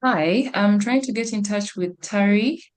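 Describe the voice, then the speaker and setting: A woman's voice: medium pitch, unhurried. Very polite woman opening an online meeting. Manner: formal, very polite conference-call address. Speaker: program associate introducing an online roundtable session. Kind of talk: online event introduction. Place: online video or conference call.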